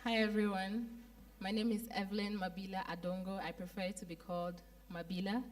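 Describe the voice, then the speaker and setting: A young woman from Ghana speaking as a student panelist in a measured, thoughtful way. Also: mid-range voice, little pitch movement, slight background noise. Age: young adult. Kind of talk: panel discussion.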